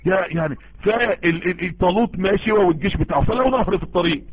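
Fast, husky Egyptian preacher on a tinny line. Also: male voice, sits high. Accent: Egyptian Arabic. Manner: pleading, repetitive, emotional. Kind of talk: impassioned online sermon. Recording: tinny phone-like voice-chat audio.

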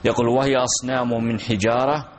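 A man's voice: mid-range voice, flat delivery, fairly quick. A man giving a lesson and explaining a text, repeating key phrases and asking and answering his own questions. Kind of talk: classroom lesson on Quranic commentary.

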